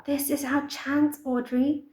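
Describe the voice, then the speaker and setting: A woman voicing an urgent, careful female sea companion in a whispered role-play, speaking in hushed tones. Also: high-pitched, flat delivery, slow pace, roomy sound, voice pushed up.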